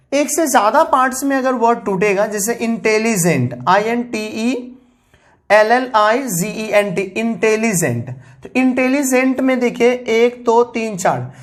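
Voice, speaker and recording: A woman teaching an English grammar lesson, explaining step by step, repeating key terms, spelling words out letter by letter and calling her viewers guys. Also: a little high.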